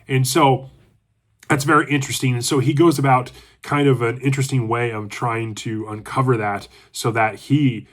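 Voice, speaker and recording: A man with a mid-range voice, congested from allergies, hosts his own channel. He gives a chatty, relaxed book review, thinking aloud as he goes.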